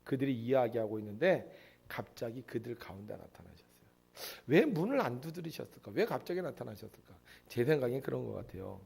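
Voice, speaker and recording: A male pastor preaching a sermon in an animated storytelling way, often acting out the voices of people in the story. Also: medium pitch, brisk, gravelly, husky.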